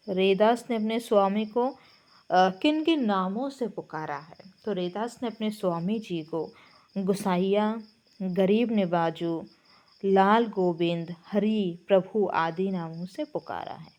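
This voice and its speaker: A woman's voice: mid-range voice, slow pace, darkish tone. A woman with a Bengali accent, explaining textbook answers as a Hindi teacher, with a patient manner and frequent hesitations.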